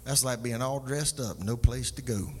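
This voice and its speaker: A man's voice: medium pitch, normal speed, big-room sound, a little hiss or hum. A male pastor preaching a sermon, calling out to the congregation for response and sliding into a sung, rhythmic cadence. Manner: call-and-response, sing-song preaching cadence.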